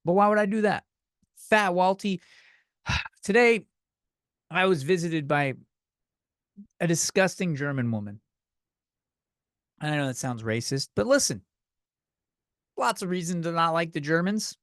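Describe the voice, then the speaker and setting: On his own comedy podcast, a thirties-aged host rambles and swears, poking fun at himself. His voice is on the high side, expressive and a bit bright, with a measured pace and frequent pauses. The studio recording is clean, with no room sound.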